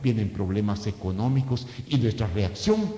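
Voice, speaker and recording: A man preaching a sermon as pastor, with sharp swings in loudness and pitch. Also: moderate pace. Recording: echoey church hall with long reverb.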